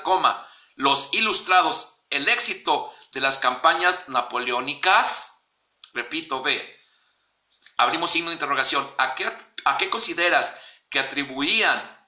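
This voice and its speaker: A male teacher with a Mexican Spanish accent, slowly dictating history questions and repeating the punctuation aloud. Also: fairly high pitch, pushed and bright, reverberant.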